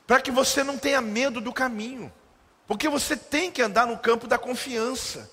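A man preaching a sermon as pastor, telling a story with animated delivery and acting out the voices of its characters. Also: very high-pitched, moderate pace, breathy edge, in a large hall.

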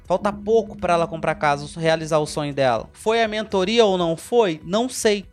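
A man's voice: high voice, moderate pace, soft background music. A Brazilian man hosting a motivational podcast, emphatic and repetitive, speaking straight to the listener as a mentor. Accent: Brazilian Portuguese.

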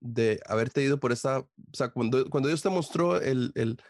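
A man with a Costa Rican accent hosting a podcast interview, asking his guest questions with many pauses, fillers and restarts. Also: mid-range voice, no echo, studio quality. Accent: Costa Rican Spanish. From Costa Rica. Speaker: podcast host. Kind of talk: casual interview.

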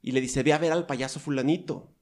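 A man in a casual chat who retells things hesitantly, pausing to find his words. His voice sits slightly high. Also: steady tone, darkish tone.

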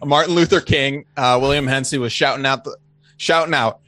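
A man co-hosting a podcast in casual chat, rambling through wrestling news with excitable energy. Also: mid-range voice, a little fast, no echo. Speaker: podcast co-host.

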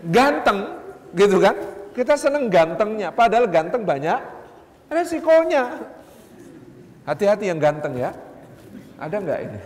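A man preaching a humorous mosque lecture, telling stories lively and acting out the people in them. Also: high voice, measured pace, long pauses, a faint crowd, slight background noise. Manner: lively storytelling, acts out quotes, jokes. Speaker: Islamic preacher. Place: large mosque hall. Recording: reverberant hall, faint ambience.

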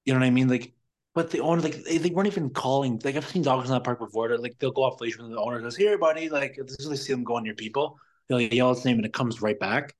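A man's voice: medium pitch, steady tone, fast. A man telling a long story in casual chat, rambling and swearing, exasperated with careless people. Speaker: podcast guest.

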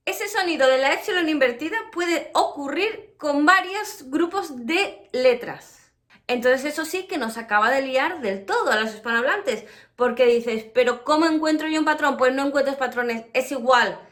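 Bright-voiced teacher drilling English sounds. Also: female voice, sits high. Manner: explains with many examples, then models English words slowly. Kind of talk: pronunciation lesson.

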